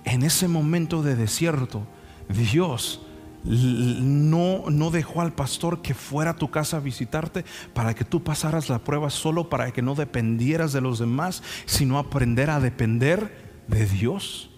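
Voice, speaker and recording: Male pastor preaching in an echoey hall over soft music, earnest and folksy. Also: a little high, moderate pace. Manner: earnest preaching, acting out prayers and dialogues; frank, folksy asides to the congregation. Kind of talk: sermon.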